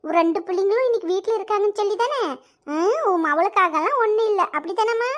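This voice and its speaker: A woman's voice: very high-pitched, fast. A woman voicing a teasing, whiny teenage daughter in a cartoon. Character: sulky teenage daughter Aishu.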